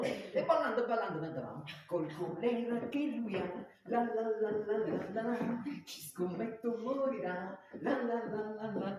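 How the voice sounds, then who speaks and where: A man's voice: sits high, a little mellow. Man playing flustered farce doctor, Neapolitan accent, stammering excuses, exasperated, very echoey hall, far from the mic. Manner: stammering, repeating words as he makes excuses. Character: flustered philandering male doctor, evasive and exasperated. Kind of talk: Neapolitan dialect stage farce. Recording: echoey stage, distant mic, faint noise.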